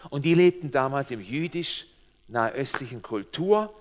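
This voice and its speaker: With a mid-range voice and a slightly slow pace, a middle-aged man gives a humorous, lively guest sermon aimed right at the congregation. Years in Switzerland have tinged his Swabian German accent with Swiss German.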